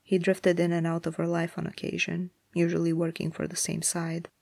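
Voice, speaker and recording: A narrator reading a story aloud in a measured, even way. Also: mid-range voice, vocal fry, dry recording.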